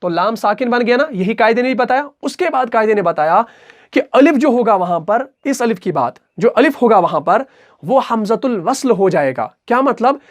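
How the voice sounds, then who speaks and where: A man's voice: extremely high pitch, animated, normal speed. A man teaching a recitation class, patient and repetitive, who asks questions and answers them himself. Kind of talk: explanatory recitation lesson.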